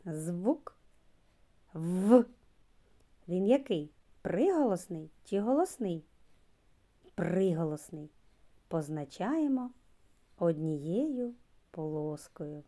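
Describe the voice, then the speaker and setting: A woman preschool teacher giving a slow literacy lesson to young children, stretching out sounds and key words. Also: on the low side, sing-song, dark tone. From Ukraine.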